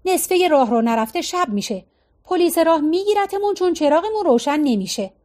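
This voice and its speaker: A grumbling, stubborn middle-aged husband who nags about every small fault, as a woman reads him in a storybook. The voice sits fairly high and bright for a man. It keeps a complaining, told-you-so tone. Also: lively intonation. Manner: complaining, nagging.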